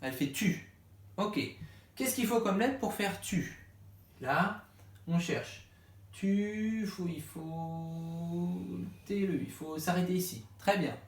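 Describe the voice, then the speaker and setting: A man's voice: high-pitched, expressive, unhurried. A male primary school teacher explaining a reading lesson to parents step by step, patiently acting out the questions to ask the child. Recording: echoey room.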